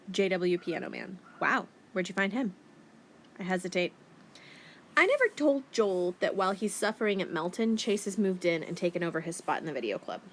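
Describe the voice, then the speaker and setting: A woman reading a first-person audiobook in a wry, expressive teenage-girl voice. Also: lowish voice, a little hiss or hum. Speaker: audiobook narrator.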